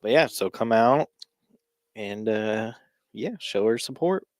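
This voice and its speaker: A man co-hosting a casual talk, relaxed and joking as he reads listener messages and announcements. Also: fairly low pitch, slow pace, no echo, studio quality. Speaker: co-host.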